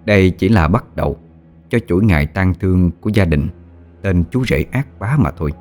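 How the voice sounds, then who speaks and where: A man narrating a ghost story in a measured, solemn way. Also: deep voice, expressive, darkish tone. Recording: faint music bed. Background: faint music.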